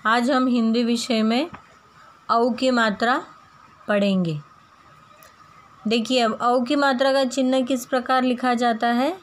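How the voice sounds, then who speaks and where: A woman teaching young children to read, slowly repeating and stretching words to model their pronunciation. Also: fairly high pitch, steady tone. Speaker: primary school teacher. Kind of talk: slow, careful phonics lesson.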